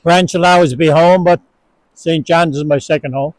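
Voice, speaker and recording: A man's voice: on the high side, steady tone, moderate pace, no room sound, low-quality recording. Plain-spoken Newfoundland man in his sixties. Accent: Newfoundland English. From Newfoundland, Canada. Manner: plain-spoken, short homely remarks. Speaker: co-host. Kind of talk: casual chat. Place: outdoors, with snow falling.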